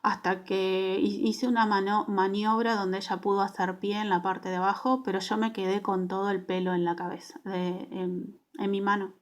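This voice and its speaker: A woman with an Argentine accent tells her dreams as a personal testimony. She speaks earnestly and haltingly, often restarting her phrases. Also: mid-range voice, little pitch movement. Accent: Argentine Spanish. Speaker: church member sharing dreams.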